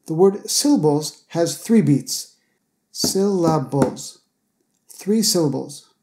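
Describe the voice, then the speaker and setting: A man narrating a scripted English pronunciation lesson as a teacher, sounding out example words slowly and carefully. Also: on the high side, animated, noisy background.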